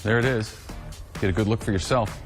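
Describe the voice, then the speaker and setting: A male news anchor presenting live in a halting, ad-libbed way while stifling giggles. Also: fairly low pitch, faint music behind. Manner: halting, hesitant delivery.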